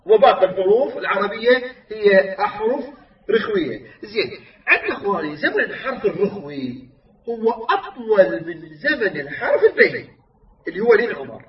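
A man teaching Quran recitation rules, explaining mistakes and slowly chanting the correct examples. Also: sits high, big pitch swings, a little hiss or hum. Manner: explains errors then models recitation, drawn-out chanted examples. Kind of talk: tajweed lesson with recited examples. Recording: echoey, distant, muffled recording.

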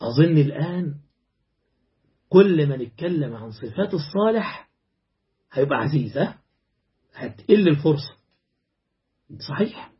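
A man with an Egyptian Arabic accent preaching a sermon, impassioned and rising to fervent exclamations, chanting verses slowly. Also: on the high side, lively intonation, lo-fi sound.

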